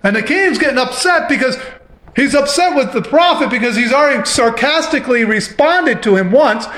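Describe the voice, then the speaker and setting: A man's voice: very high-pitched, lively intonation, moderate pace, fairly bright tone, reverberant. A man preaching a sermon who reads scripture aloud and stops to explain it in his own words.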